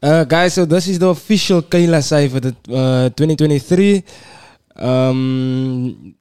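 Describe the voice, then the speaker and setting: A man's voice: on the high side, measured pace, darkish tone, clear, resonant tone, no echo, clean studio sound. A man hosting casually, slangy and full of short repeated hype interjections. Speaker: radio show host.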